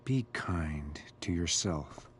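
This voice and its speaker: A man playing a gentle, eccentric groundskeeper in a video game, musing slowly in cryptic, deliberate phrases. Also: low-pitched, expressive, slight background noise.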